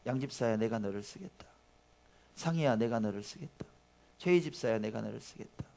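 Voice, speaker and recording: A man's voice: medium pitch, lively intonation, brisk, vocal fry, darkish tone. God calling each member by name, kind but firm, solemn and repetitive, a male preacher doing the voice.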